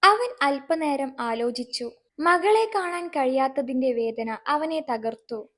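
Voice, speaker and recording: A woman narrating a dramatic family story in a steady, scripted storytelling read. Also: high-pitched, slow.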